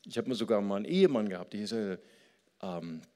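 A man preaching a sermon as pastor, lively and storytelling, slowing down to stress key words. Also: fairly low pitch, long reverb tail.

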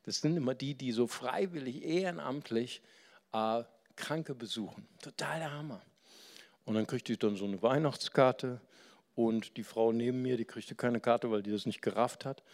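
Gravelly preacher telling a personal story. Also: male voice, medium pitch, moderate pace. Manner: swings between soft near-whispers and loud, animated telling; conversational, asks the listeners questions. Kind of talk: storytelling sermon.

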